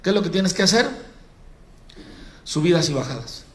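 A man's voice: a little high, lively intonation, moderate pace. A Mexican man with a Mexican Spanish accent giving a live training on public speaking from a stage, talking in a colloquial way and calling his audience compadre. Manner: colloquial, addresses audience as compadre, demonstrates by acting out. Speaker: sales trainer. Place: event hall on stage. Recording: echoey event hall.

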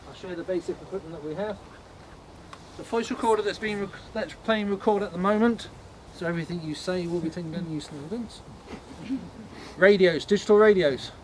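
Halting male ghost tour guide, noisy recording. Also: high voice. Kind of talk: informal explanatory talk to a tour group. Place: on a night walking tour, in the dark. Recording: noisy outdoor night recording.

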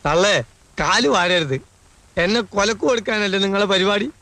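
A nervous servant who gossips with a lilt. His voice sits high for a man, and he sounds fussy and anxious. The recording is dry, with no room sound. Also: normal speed, sharp tone, no room sound. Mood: grumbling. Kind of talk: 1980s film acting.

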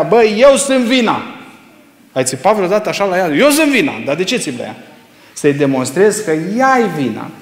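A man preaching a sermon, swinging between loud rising exclamations and hushed low asides, firing rhetorical questions at the congregation. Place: church hall. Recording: echoey reverberant church hall.

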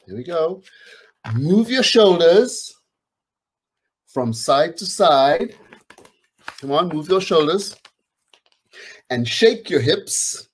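In a small home room, a middle-aged man with a high voice reads picture books to kids, keeping the talk casual and inviting them to take part. There's slight background noise on the recording.

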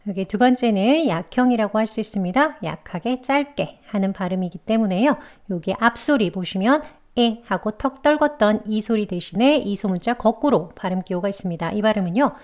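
A woman teaching English pronunciation, explaining mouth and tongue positions clearly and patiently, step by step. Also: medium pitch, expressive, a little fast, hardly any pauses, darkish tone, lo-fi sound. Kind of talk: instructional lesson narration.

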